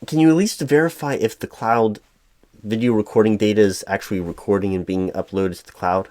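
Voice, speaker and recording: A man with a lowish, darkish voice close to an everyday sound plays an apologetic, flustered corporate hiring manager in an improvised roleplay, voicing just one side of the conversation. He talks fairly quickly with fairly even intonation, stammering, repeating words and sounding exasperated, frustrated and hesitant. There's no echo.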